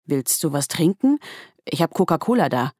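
A woman reading a German audiobook, voicing a shy, gentle and eager young man in a soft, slightly awkward way. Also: deep voice, very animated, moderate pace, no room sound, studio quality. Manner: soft, warm, a little awkward.

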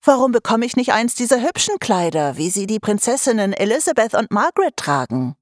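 A woman's voice: a little high, big pitch swings, brisk, no room sound, clean studio sound, voice pushed up. A woman voicing a bookish young girl who pleads earnestly in an audiobook. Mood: pleading. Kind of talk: audiobook character voice.

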